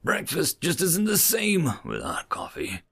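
A man voicing a calm human crewman who answers in a dry, laid-back way. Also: a little high, a little slow, gravelly, breathy edge, voice pushed up, exaggerated voice. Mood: defiant. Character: calm, wry human crewman among aliens.

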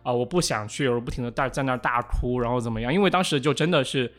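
A man's voice: mid-range voice, racing. Man telling a childhood story. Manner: animated anecdotal storytelling with many restarts. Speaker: podcast co-host. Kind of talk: casual chat.

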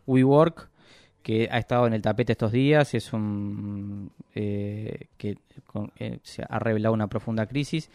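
A man explaining business news in a radio interview, measured and full of hesitations and restarts. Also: fairly low pitch, steady tone, creaky, a little mellow, no echo. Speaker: economic analyst guest.

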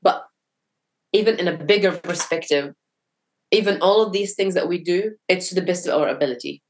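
A woman's voice: lowish voice, brisk, a little hiss or hum. Reflective young woman from Syria. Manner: reflective, searching for words with many restarts. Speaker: guest. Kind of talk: casual conversation.

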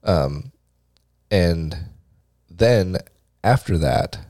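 A man in his thirties co-hosts a casual adult podcast, crude and jokey. His voice is very deep and nasal, yet it moves around a lot in pitch. The sound is close and dry. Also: expressive, very slow, mellow, dry recording. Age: 30s. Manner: joking, crude and laughing. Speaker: podcast co-host. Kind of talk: casual explicit chat.

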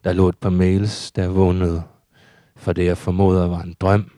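A man reading his own surreal prose poetry aloud in a steady, measured recitation. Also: sits low, dry recording, studio quality.

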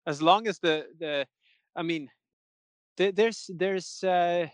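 A metal singer, appearing as a guest, rambles through a casual interview chat in a high voice at a slow pace. He restarts often and laughs a lot, and the sound is dry, with no room sound.

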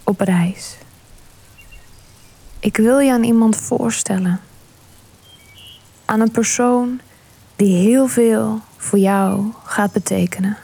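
A woman guiding a visualization meditation, speaking softly and soothingly and often slipping into a whisper. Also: on the high side, slow pace, gravelly, pauses often, slightly rough. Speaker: meditation guide.

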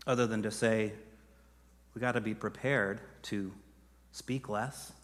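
A man's voice: lowish voice, steady tone, unhurried. Earnest male pastor in a reverberant hall. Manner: earnest, rising to emphatic peaks, then dropping quiet. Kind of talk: sermon.

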